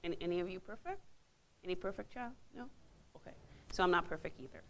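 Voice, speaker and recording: A woman's voice: fairly low pitch, fast, fairly bright tone. A woman leading a group workshop, coaxing people to speak with playful teasing. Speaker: workshop facilitator. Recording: noisy room recording.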